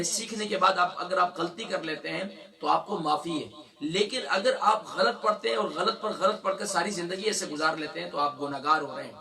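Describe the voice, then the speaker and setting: A man's voice: high-pitched, gravelly, sharp tone, recorded from a distance. A man teaching Quran recitation in a tajweed lesson. He asks the class questions, answers them himself, and stretches out letter sounds to demonstrate them.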